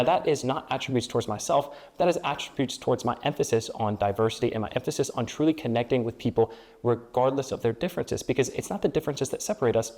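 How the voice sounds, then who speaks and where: Raised in Peru and the Dominican Republic with Spanish as his first language, this young adult speaks in a darkish tone. He's campaigning for student government, turning an interview into a speechlike pitch built on repeated phrases and rhetorical lists.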